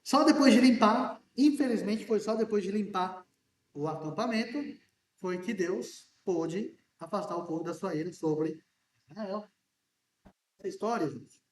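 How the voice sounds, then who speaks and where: A man preaching a sermon as pastor in a church, chatty and joking, asking his congregation questions and talking loudly because he is hard of hearing. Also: high-pitched, lively intonation, measured pace. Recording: echoey church room from a distance.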